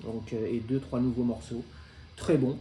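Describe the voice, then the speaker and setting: A man in his forties talks casually about the records he collects. His voice is mellow and mid-pitched, and he hesitates often while staying enthusiastic. The room around him has a noticeable echo. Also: level tone, moderate pace, soft background music. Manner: hesitant, many filler sounds, enthusiastic. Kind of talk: casual chat presenting vinyl records. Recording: roomy echo.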